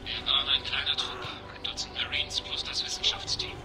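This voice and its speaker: Quarian commander over crackly radio. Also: male voice, mid-range voice, completely flat delivery, a little fast. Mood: tense. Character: quarian marine commander pinned down by enemies. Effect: crackly sci-fi radio transmission. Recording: very noisy, hissing radio comm.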